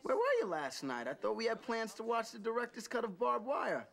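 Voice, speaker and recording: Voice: mid-range voice, sing-song, brisk, gravelly, a bit bright. An actor playing a jealous teenager who makes snippy, mocking remarks, in a 1990s sitcom.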